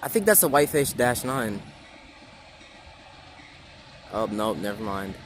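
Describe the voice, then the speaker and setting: Man, railfan vlogger, lively swooping voice, excitable, whoops at trains, outdoors by tracks, faint background noise. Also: lowish voice, a little fast. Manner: excitable, stumbles over words, whoops and squeals at trains. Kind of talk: excited on-the-spot vlog narration. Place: outdoors beside railroad tracks.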